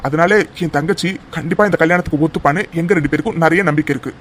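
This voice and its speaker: A man's voice: fairly high pitch, rapid-fire, natural voice. A man voicing a confident older brother in a cartoon drama, reassuring but firm. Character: confident older brother arranging his sister's marriage. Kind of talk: dubbed cartoon family drama.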